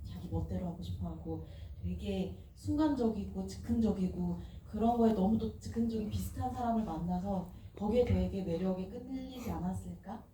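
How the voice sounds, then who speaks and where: A soft-spoken woman with a dark, mellow voice talks about her role, her words often trailing off. She is heard from a distance in an echoey cinema hall with faint background noise. Her pitch sits a little high. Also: normal speed, hardly any pauses. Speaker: actress. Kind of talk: talk on stage after a film screening.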